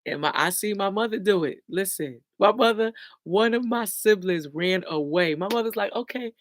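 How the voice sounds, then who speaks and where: A woman's voice: medium pitch, normal speed, no room sound. A middle-aged woman, talking casually and bluntly to viewers on a livestream and laughing often. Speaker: livestream host.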